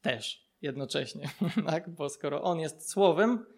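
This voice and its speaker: A man giving an informal Bible lesson, explaining step by step, often checking in with his listeners and laughing softly. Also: fairly high pitch, expressive, takes it slowly. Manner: explanatory, frequent checking tags and soft laughs. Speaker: Bible teacher.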